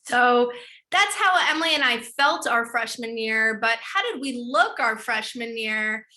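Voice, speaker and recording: A middle-aged woman from Chicago's northern suburbs, a student programs director, hosts an online open house panel. She's upbeat and chatty with easy fillers, speaking unhurriedly in a bright voice that sits a little high.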